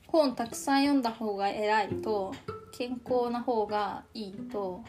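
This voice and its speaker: A young woman in her twenties co-hosting a casual chat, playful and giggly, trailing off softly. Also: fairly high pitch, unhurried, music in the background. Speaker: podcast co-host.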